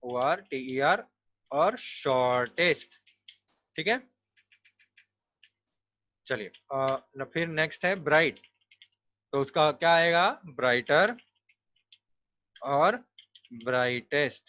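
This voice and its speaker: A man's voice: on the high side, lively intonation, slow pace, long pauses, dry recording. A man teaching a grammar lesson, explaining step by step and spelling words out letter by letter. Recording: dull, lo-fi dry recording.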